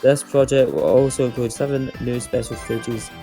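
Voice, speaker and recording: A man's voice: mid-range voice, normal speed, mellow, soft background music. A man co-hosting a game stream, chatting casually and reading entries aloud with a dry, sarcastic manner. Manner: dry, sarcastic, stumbles and restarts. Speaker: co-host reading entry descriptions.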